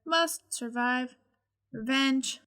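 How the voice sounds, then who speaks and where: A woman doing a slow robotic cyborg woman. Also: high-pitched, clean tone, full character voice. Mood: weary. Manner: slow, flat, clipped robotic words. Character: weary female cyborg, clipped robotic speech. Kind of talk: tabletop roleplay scene.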